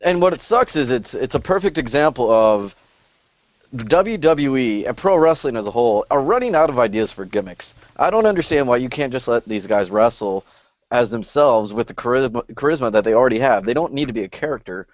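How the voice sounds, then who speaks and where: A man's voice: mid-range voice, expressive, brisk, dry recording, highs cut off. Opinionated young man on a podcast. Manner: opinionated, teasing, trash-talking. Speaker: podcast co-host. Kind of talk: casual podcast banter.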